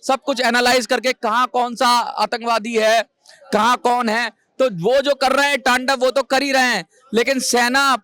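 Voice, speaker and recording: High-voiced guy answering in a debate, goes on and on explaining, trips over his words now and then. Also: pushed and bright. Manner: explains at length with restarts and stumbles. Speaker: guest analyst.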